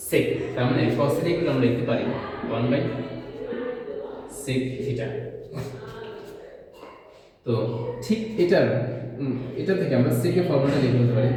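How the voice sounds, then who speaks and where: A man's voice: a little high, dark tone, heavy reverb, big-room sound, recorded from a distance, rough recording. A man teaching a math lesson, explaining step by step and mixing in English terms. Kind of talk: classroom math lecture.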